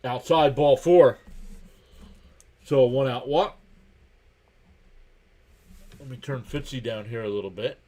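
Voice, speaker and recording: A man streaming a live game reaction, calling each pitch and count in casual play-by-play while greeting viewers and reading their chat messages aloud. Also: takes it slowly, long pauses, warm tone. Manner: chatty and laid-back, greets viewers by name.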